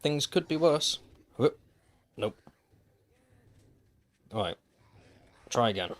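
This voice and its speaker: Medium in pitch and lively in intonation, this man talks slowly as he streams a survival game. He keeps the gameplay commentary casual, chatting with viewers and adding dry, wry asides, all recorded on a desk microphone.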